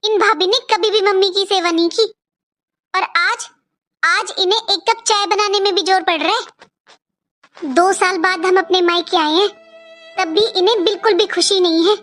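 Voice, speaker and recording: A woman playing a sharp, outspoken young sister. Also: very high-pitched, fairly even intonation, measured pace, pauses often, faint music behind. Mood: indignant. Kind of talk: cartoon voice acting.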